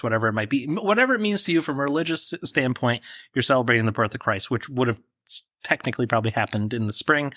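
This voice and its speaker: A man's voice: medium pitch, a bit bright, no echo, clean studio sound. A man with a New Jersey accent hosting a podcast, eagerly explaining fun facts and cracking jokes. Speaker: podcast host. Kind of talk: casual podcast chat.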